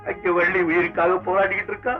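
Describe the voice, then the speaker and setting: A man's voice: high voice, little pitch movement, fast, highs cut off, faint music behind, natural voice. An actor playing a grieving older father who tearfully pleads with his son, in an old film soundtrack. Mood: pleading. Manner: pleading, anguished.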